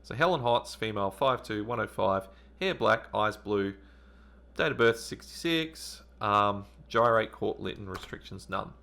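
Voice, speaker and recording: Male retro let's-play host, low gravelly voice, thinks aloud with ums, reads the game text. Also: lively intonation, measured pace, pushed and bright. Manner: thinks aloud with hesitant ums while playing. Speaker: retro gaming channel host.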